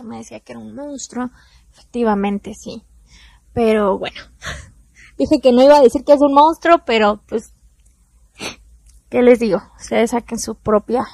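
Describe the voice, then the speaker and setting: A young Mexican woman tells a personal story straight to her viewers in a candid, confessional way, full of casual slang. Her voice sits high with a gravelly fry running through it. The sound is dry and close, with no room around it. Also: normal speed, pauses often, no echo. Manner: candid, confessional, slangy, soft-spoken at times.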